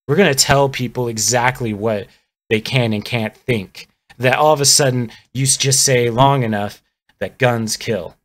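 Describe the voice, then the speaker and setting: A man's voice: mid-range voice, a bit bright. A man on a live stream, ranting about politics in a heated, sarcastic way. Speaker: livestreamer.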